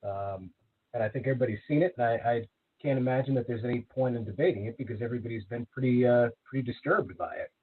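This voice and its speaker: A husky man hosts a live talk radio show, heard through a thin, tinny call line. His connection keeps cutting out, so his volume swells and fades unevenly from moment to moment. He talks haltingly and often restarts his phrases. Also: medium pitch. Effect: connection cutting out, volume rising and dropping. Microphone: remote call connection.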